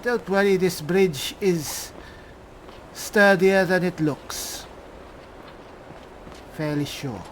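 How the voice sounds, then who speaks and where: A proud, elderly high elf spellsword, played by a man in a fantasy game roleplay. He talks high and unhurried, with a courtly, self-satisfied air. A faint hiss sits under the voice. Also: rough recording. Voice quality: genteel, mannered courtesy.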